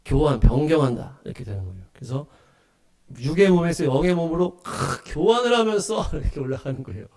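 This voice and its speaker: A man preaching as pastor of a small church, animated and laughing often as he acts out scenes. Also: fairly high pitch, fairly quick. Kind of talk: sermon.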